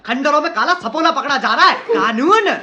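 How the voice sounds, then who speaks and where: A man tears into a ghost-hunting show with sarcastic roast commentary. His voice sits high and stays mocking throughout. Clear background noise runs under him. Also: fast, pushed and bright. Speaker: comic video narrator. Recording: noisy recording.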